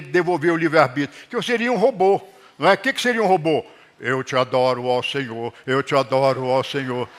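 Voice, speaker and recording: In a church hall, a middle-aged pastor delivers a lively sermon, urging the congregation to respond. His voice is a little high.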